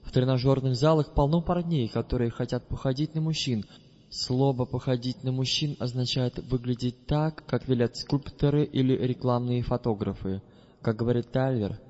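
A man narrating an audiobook in the first person, his mid-pitched voice measured and deliberate. The sound is slightly muffled and lo-fi, with a long reverb trailing after each phrase. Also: fairly even intonation, a little mellow. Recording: dull recording with long reverb.

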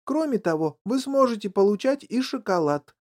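Field: story. Figure: a man playing an eccentric, excitable chocolate maker. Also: high voice, normal speed, pitched above the performer's own voice. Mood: animated. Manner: animated, exclamatory storytelling.

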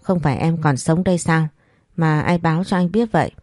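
A woman's voice: sits low, a little fast, a little mellow, dry recording, clean studio sound. A woman voicing a sick young man who still teases sharply. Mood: teasing. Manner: teasing, weak.

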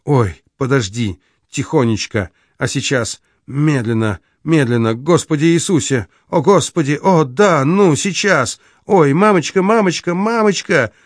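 A man's voice: mid-range voice, moderate pace, dry recording, lightly acted. A bitter, anguished young woman, voiced by a male audiobook reader. Her words come pleading and then turn contemptuous and threatening. The sound is dry and close, with no room around it. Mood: breathless pleading.

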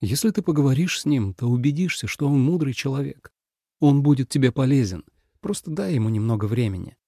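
A man voicing a calm, firm young man in an audiobook, speaking in a measured, cool and resolute manner. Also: medium pitch, dry recording, clean studio sound. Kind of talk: audiobook character voice.

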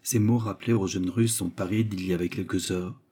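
Husky low-voiced male narrator. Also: steady tone, a little fast, warm tone. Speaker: audiobook narrator. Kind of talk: scripted narration of a classic novel.

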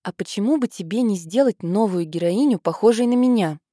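A woman voicing an eager, gushing teenage girl in an audiobook, higher and breathless with excitement. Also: normal speed, no echo, studio quality, lightly acted.

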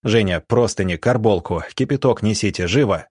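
A firm young country doctor gives curt, decisive orders, voiced by a male audiobook narrator. His voice is low and husky. The recording is close and dry. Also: normal speed, a little mellow, dry recording. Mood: commanding.

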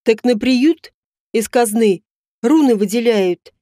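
A woman's voice: on the high side, slow, dark tone, dry recording, studio quality. Brief: bitter peasant man in an audiobook, voiced by a woman, sour, grudging tone. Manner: bitter, resentful.

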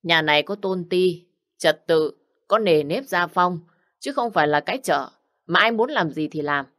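A woman's voice: fairly low pitch, expressive, normal speed, fairly bright tone. A woman voicing a stern old mistress of a household who scolds and gives orders. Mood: commanding. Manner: commanding, scolding.

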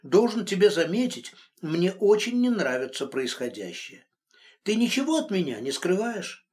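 A man's voice: high voice, sing-song, normal speed, darkish tone, voice pushed up. A man voicing a stern, worried man who scolds and comforts a friend brusquely. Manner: brusque, exasperated.

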